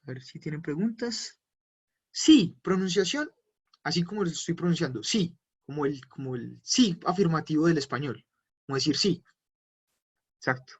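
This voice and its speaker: A man teaching an online language class, patiently repeating words slowly for his students. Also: fairly high pitch, expressive, slightly rough. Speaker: German teacher.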